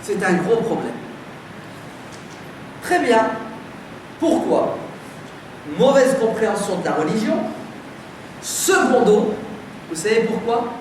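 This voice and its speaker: A Frenchman preaches a sermon to a live community audience in a community centre hall, throwing emphatic rhetorical questions at the crowd conversationally, like a lively lecture. His voice sits high and sing-song, slow with frequent pauses. The recording is distant and noisy in a very echoey hall.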